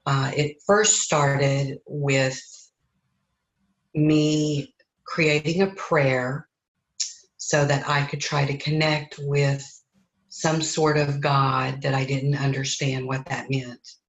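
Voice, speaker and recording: A woman slowly and earnestly telling a personal spiritual story in conversation, halting as she goes. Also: extremely low pitch, flat delivery. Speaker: interviewee sharing a spiritual story. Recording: echoey room.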